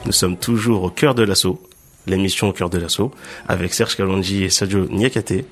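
A man co-hosting a radio show, announcing songs briskly. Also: low-pitched, fairly even intonation. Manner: brisk announcing, joking about his English. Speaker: radio co-host.

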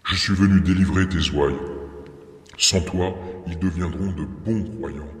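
An actor playing a stern bishop disguised as a beggar, rebuking a friar in a commanding, thundering voice. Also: male voice, low voice, measured pace. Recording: echoey hall reverb, heard from far off.

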